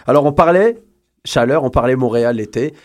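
A man hosting a casual radio show, joking and teasing his co-hosts, often pausing on fillers as he talks. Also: medium pitch, expressive, a little mellow. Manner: playful, teasing, hesitant with fillers.

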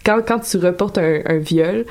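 A woman with a Quebec French accent speaks as a radio guest, her voice sitting a little low. She explains at length in casual conversation, pausing often with hesitations as she searches for words. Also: a little mellow. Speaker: guest columnist.

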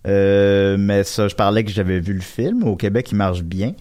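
A man's voice: fairly low pitch, normal speed, darkish tone, no echo, studio quality. A man with a Quebec French accent hosting a casual chat show, rambling with many fillers and restarts. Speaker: podcast host. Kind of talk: casual chat about box office.

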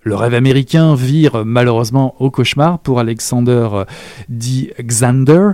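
A man's voice: medium pitch, moderate pace, darkish tone, no room sound, clean studio sound. A man presenting and reviewing a novel in a casual, chatty way, with many hesitations and self-corrections. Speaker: book reviewer. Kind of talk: book review chat with a read excerpt.

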